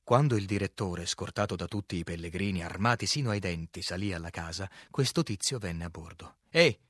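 Brief: male audiobook narrator, low voice, measured reading, dry close mic. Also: a bit bright, no echo. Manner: measured, clear literary reading, acting out quoted lines.

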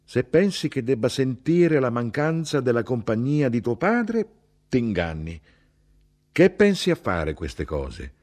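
A man reading the part of a blunt, indignant middle-aged mother who talks in a sharp, insistent way. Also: very animated, measured pace. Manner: sharp, insistent, rising in pitch.

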